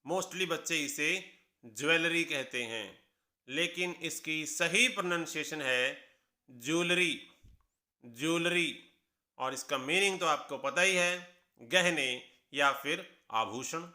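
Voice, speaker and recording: A man, teaching pronunciation at an unhurried pace. His voice is high and very bright. He spells each word out one letter at a time, then repeats the correct pronunciation twice. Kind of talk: slow, deliberate classroom explanation.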